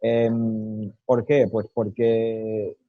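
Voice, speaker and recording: A man from Spain with a neutral Castilian accent, speaking as a guest in a relaxed interview, thoughtful and hesitant with many fillers. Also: lowish voice, drawn-out words, no room sound, phone-quality sound. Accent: neutral Castilian Spanish.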